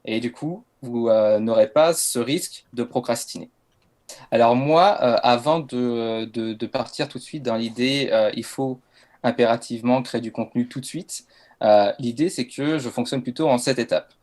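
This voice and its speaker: A man's voice: mid-range voice, normal speed, darkish tone. A French man presenting a masterclass on writing social media posts, casual and hesitant with frequent fillers. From France. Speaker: LinkedIn content coach.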